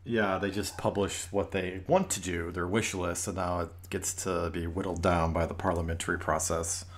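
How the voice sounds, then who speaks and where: A man's voice: low voice, flat delivery, moderate pace. An American man in casual podcast talk, with a dry, wry manner and easy laughter. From United States.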